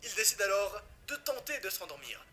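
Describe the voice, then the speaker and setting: In a high-pitched, sing-song voice and at a fairly quick clip, a French man tells a horror story in casual creepypasta style. Music runs underneath as he throws in jokes and profane asides to the viewer.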